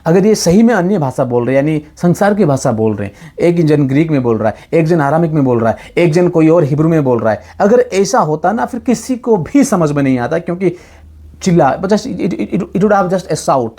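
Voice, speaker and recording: Native Odia man, Bible teacher, emphatic and animated, keeps asking rhetorical questions. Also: fairly high pitch, moderate pace. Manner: emphatic, rhetorical questions, mixes English phrases. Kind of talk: argumentative Bible talk.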